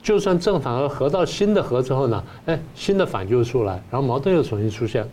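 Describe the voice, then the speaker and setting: An older man, a professor guest on a talk show. He gives animated analysis and acts out both sides in the first person. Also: mid-range voice, fast, slight background noise. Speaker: political science professor guest.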